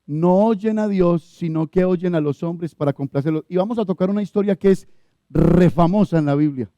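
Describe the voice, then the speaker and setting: Emphatic Colombian pastor, high tenor. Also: male voice, normal speed, no echo, highs cut off. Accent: Colombian Spanish. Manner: emphatic preaching, swinging between loud high bursts and low quiet stretches. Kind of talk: sermon. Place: church.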